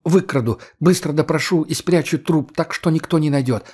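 A stubborn young woman soldier, tearful yet insistent, pressing her case in an audiobook, as a male narrator puts her on. Her voice sits somewhat higher than the narrator's own. She pleads with steady urgency. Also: normal speed, slightly rough.

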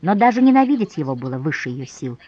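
A woman narrating an audiobook in a measured, expressive way. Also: sits low, breathy edge, dry recording, dull audio.

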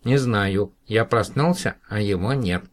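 Storybook alien: a tiny proud plant from space, a man doing the voice, formal like a little old man, pitched up. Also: measured pace, lightly acted.

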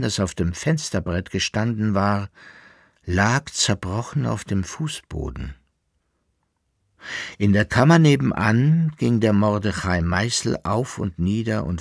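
A man reading a historical novel aloud in a measured, calm storytelling manner, close to the mic. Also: on the low side, creaky, husky, no echo. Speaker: audiobook reader. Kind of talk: literary narration.

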